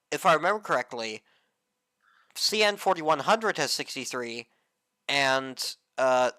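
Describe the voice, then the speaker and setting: A man's voice: medium pitch, pushed and bright, no echo, low-quality recording. A man hosting an online game show over a voice call, joking, laughing often and calling out bids like an auctioneer. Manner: jokey, laughs often, auctioneer-style calls.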